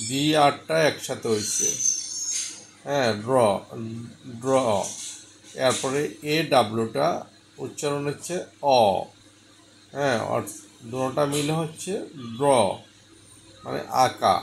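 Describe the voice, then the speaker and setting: A man's voice: medium pitch, measured pace, creaky, pauses often, a little hiss or hum, poor audio. A man teaching an English pronunciation lesson, spelling words out letter by letter and repeating them.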